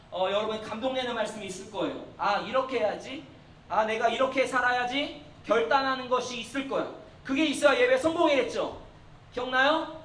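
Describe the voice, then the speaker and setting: A man's voice: extremely high pitch, a bit bright. A young man, a youth pastor, preaching to middle schoolers in a coaxing, playful way and often raising his voice for emphasis. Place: church hall. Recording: echoey hall from far off, faint noise.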